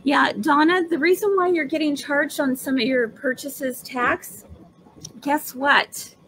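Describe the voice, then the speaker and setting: A woman's voice: high voice, steady tone, measured pace, a bit bright, a little hiss or hum, low-quality recording. A woman chatting casually and enthusiastically like a home shopping host during a live craft demonstration, checking in with her viewers. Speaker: host of a live embroidery demonstration and sales show.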